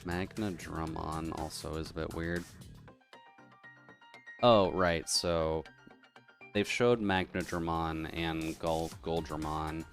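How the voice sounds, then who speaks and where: A man's voice: rumbling low, steady tone, slow pace, long pauses, faint music behind. A man with a metallic, tin-can robot filter on his voice, chatting casually with viewers and muttering to himself as he plays a game live. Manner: chatty, mutters while playing, reads chat aloud.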